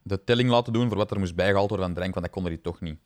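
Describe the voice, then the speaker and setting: A man's voice: deep voice, rapid-fire, no room sound, clean studio sound. A young man, telling work stories in a casual podcast chat. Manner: storytelling, chatty. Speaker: podcast co-host.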